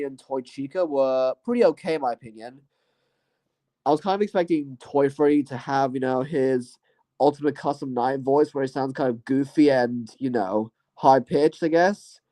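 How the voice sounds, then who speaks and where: A man with a fairly high, mellow voice talks casually into the mic on his own. His talk wanders and hedges, with "you know" and "I guess" scattered through it and thoughts that trail off before he picks them back up. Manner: rambling and hesitant, full of "you know" and "I guess". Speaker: channel host. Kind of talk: casual solo year-in-review talk.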